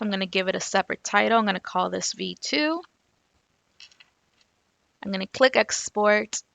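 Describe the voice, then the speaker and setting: Bright-voiced woman with a Miami accent. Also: mid-range voice, vocal fry, dry recording. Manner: informal, explanatory, addresses viewers as you guys. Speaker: software instructor. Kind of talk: step-by-step screen tutorial narration.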